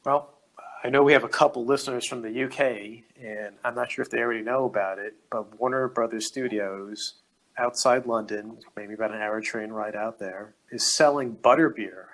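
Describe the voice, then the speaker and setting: Man, podcast co-host, casual chat, reads news out plainly, medium pitch. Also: normal speed, rough recording. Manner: reads news items aloud in a steady, matter-of-fact way.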